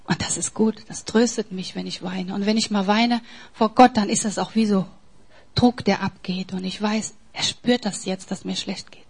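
A woman preaching a sermon in an emphatic way, swinging between soft, near-whispered passages and forceful, raised lines. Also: medium pitch, steady tone, normal speed, creaky, husky.

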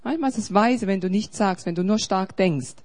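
A woman pastor preaches, her voice sitting at an ordinary middle pitch. She moves from loud, urgent appeals to a low, intimate storytelling tone and back again. It is the delivery of someone who talks to a congregation every week. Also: moderate pace. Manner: emphatic, swings between loud urging and quiet storytelling. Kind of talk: sermon.

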